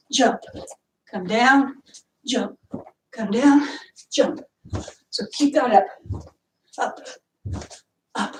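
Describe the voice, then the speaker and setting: A woman instructor leads an online martial arts workout, cueing and counting the moves as she grows breathless. Her voice sits high with a darkish tone, picked up from a distance in an echoey room.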